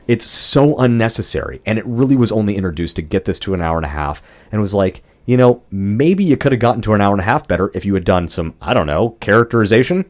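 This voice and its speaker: Exasperated low-voiced man ranting. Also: expressive, quick pace, few pauses. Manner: ranting, exasperated, swears freely. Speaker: podcast co-host. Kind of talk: casual movie review chat.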